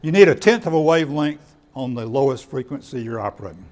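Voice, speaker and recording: At an indoor club meeting, a man informally presents radio kits and fields audience questions, explaining conversationally and repeating words often. He talks fast with lively intonation, using a medium-pitched voice with a darkish tone.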